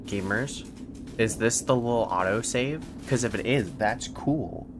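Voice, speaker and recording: A man's voice: mid-range voice, a little slow, music in the background. A young man streaming a horror game with scared, jumpy commentary and sweary, sarcastic asides. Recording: faint-to-clear game noise behind voice. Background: horror game ambience.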